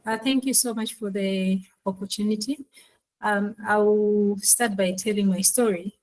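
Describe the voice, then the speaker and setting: Malawi-born woman panelist, mid-pitched, measured explainer. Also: fairly even intonation, darkish tone, poor audio. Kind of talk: panel discussion.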